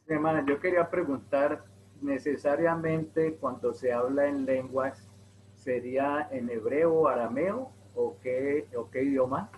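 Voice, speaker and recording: A man's voice: medium pitch, unhurried, a little mellow. Brief: man in a church class asking a question, faint hum behind him, picked up from a distance. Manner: polite and questioning. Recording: faint hum, away from the mic.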